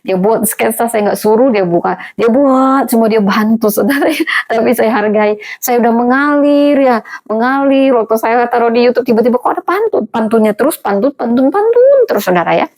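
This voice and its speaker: A woman's voice: fairly high pitch, a little fast, a little mellow. A middle-aged woman pastor from North Sumatra preaching a sermon in a firm, emphatic way, often turning to address the congregation directly. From North Sumatra, Indonesia.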